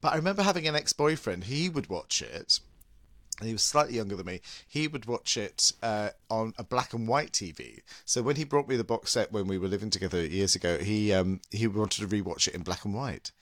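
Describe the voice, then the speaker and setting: Campy, theatrical drag queen, very animated. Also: lowish voice, a little fast, dry recording. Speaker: podcast host. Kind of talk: casual film and TV chat.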